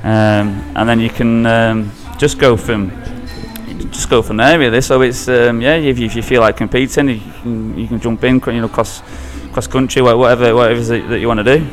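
A man with a northern English, British accent gives casual podcast answers. He speaks at a medium pitch, doubling back on words, with faint music behind him. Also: steady tone. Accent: northern English, Greater Manchester. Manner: halting, repeats words, says "you know". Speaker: podcast guest, runner.

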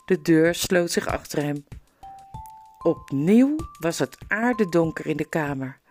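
A woman's voice: low voice, expressive, a little slow, a little mellow, faint music behind. A woman reading a children's storybook aloud, telling the story expressively. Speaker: reader.

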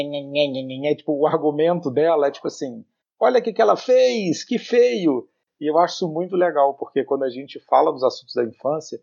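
A man co-hosting a podcast in casual chat, animated, and mimicking other people's voices when he retells stories. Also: mid-range voice, vocal fry, husky. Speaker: podcast co-host. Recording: dull lo-fi sound.

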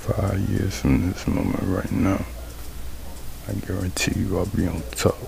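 A nineteen-year-old man muses through a freestyle monologue in a low, flat voice with vocal fry, his talk slangy, profane, slow and reflective, sometimes sinking to a whisper. Crowd noise fills the background of this noisy recording.

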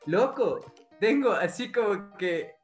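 A man's voice: high voice, expressive, takes it slowly, roomy sound, faint music behind. A man with an Ecuadorian accent, hosting a podcast, telling a story in casual chat with a lot of swearing and mouth sound effects. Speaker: podcast host.

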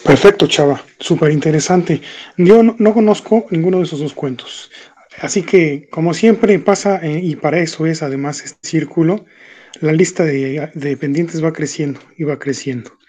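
A man's voice: on the high side, normal speed, darkish tone. A man hosting a reading circle, casually reacting and passing the turn to the next reader. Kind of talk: casual moderating.

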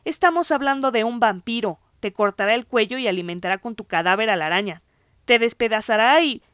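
A woman voicing an excitable boy who stammers and shouts insults at his friend. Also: fairly high pitch, brisk, no room sound, dull audio, natural voice. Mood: furious.

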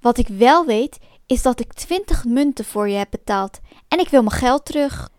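A greedy, hot-tempered man who blusters loudly, as a woman narrating a storybook puts him on. His voice stays fairly high, and the recording is close and dry. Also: lively intonation, normal speed, no room sound, natural voice. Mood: furious. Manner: loud, blustering. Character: angry greedy man who bought the donkey.

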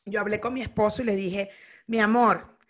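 A woman's voice: medium pitch, fast. A young woman with a Venezuelan accent, co-hosting a casual chat and acting out the people in her stories. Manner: animated storyteller who acts out the people in her anecdotes. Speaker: co-host.

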